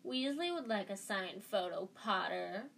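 Woman acting schoolboy bully, smug, sneering, slow mocking delivery, storybook villain, faint noise. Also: mid-range voice, expressive, vocal fry, a bit bright. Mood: smirking. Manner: sneering, drawn-out mockery.

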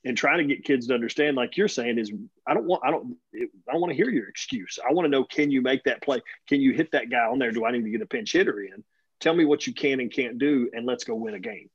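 A man's voice: medium pitch, quick pace, slightly rough, dry recording, muffled recording. A man co-hosting a podcast chat about coaching, speaking matter-of-factly and repeating points for emphasis. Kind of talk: casual podcast conversation.

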